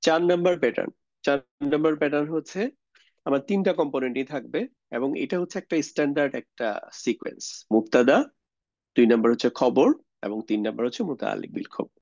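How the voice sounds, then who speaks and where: A man's voice: medium pitch, fast talker, darkish tone, dry recording, lo-fi sound. A young man teaches a grammar lesson, explaining step by step, mixing in English words and asking rhetorical questions. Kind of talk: lecture on Arabic grammar.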